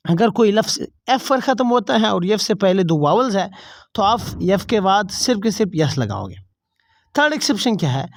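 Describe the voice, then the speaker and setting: An English teacher with a mid-range, slightly mellow voice explains spelling rules step by step in Urdu-flavored Hindi. She repeats every point and poses questions to herself before answering them. The recording is dry and close, with no room sound.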